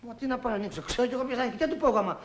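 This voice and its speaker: An actor playing a fussy, excitable man who keeps protesting over his new suit in a comic film scene. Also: extremely high pitch, a little hiss or hum. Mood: flustered. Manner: whiny, flustered, protesting.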